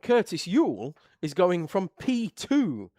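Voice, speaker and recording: A man commentating live on a kart race, reading out the starting grid in a relaxed, steady list. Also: sits high, takes it slowly, no echo, studio quality.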